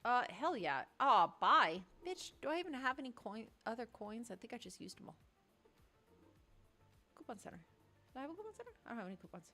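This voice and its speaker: A woman chatting excitedly on a casual livestream, thinking aloud in slangy, chatty bursts. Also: on the high side, fairly quick, soft background music.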